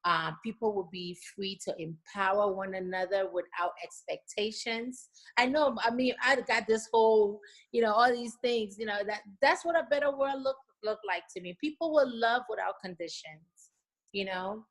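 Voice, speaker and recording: This interview guest, a middle-aged woman from Liberia, has a mid-range voice and a moderate pace. In the casual remote interview she responds earnestly and repetitively, with plenty of "you know"s.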